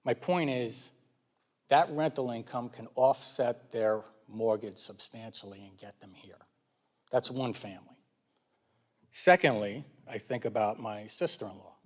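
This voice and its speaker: A man's voice: medium pitch, darkish tone. A man with a New York accent speaking at a town council public comment, conversational and prone to asides. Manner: conversational, with frequent restarts and asides.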